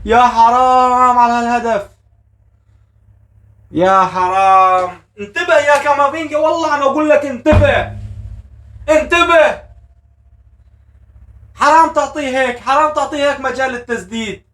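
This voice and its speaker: A man hosting a live football match reaction, shouting and chanting at the goals. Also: very high-pitched, normal speed, long pauses, far from the mic. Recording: echoey room, voice a bit off mic.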